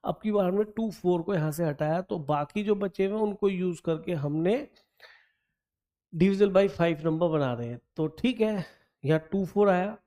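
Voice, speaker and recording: A man's voice: high voice, warm tone. A man teaching maths, talking through an exam problem step by step and coaxing his students along in mix. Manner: coaxing, addresses students as beta, thinks aloud while counting. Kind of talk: explaining exam problem on a board.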